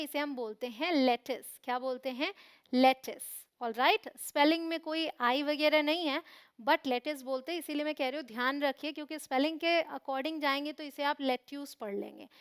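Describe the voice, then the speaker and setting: A young woman teaching English vocabulary to camera, asking quiz questions and repeating each word slowly. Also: high voice, a bit bright. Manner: slow repeated pronunciation drills with quiz questions.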